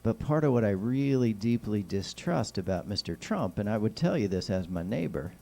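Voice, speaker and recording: A man's voice: lowish voice, expressive, normal speed, gravelly, dark tone. An American man hosting a casual, lightly humorous talk show in a folksy, rambling, neighbourly way, with whistling s sounds. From Kansas City, United States. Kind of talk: casual solo political chat with light humour.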